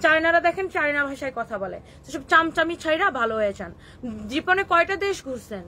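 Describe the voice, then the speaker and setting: A high, bright-voiced woman with a Kishoreganj Bengali accent talks back to viewers on a live stream. She scolds in a defiant way and drops English words into her Bengali, with faint noise behind her. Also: sing-song, brisk. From Bangladesh. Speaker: clothing shop owner hosting a live stream.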